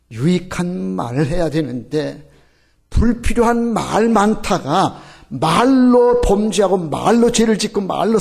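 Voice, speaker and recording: A male pastor preaching a sermon in an earnest way, often dropping to a quiet voice for emphasis. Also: on the high side, vocal fry, husky.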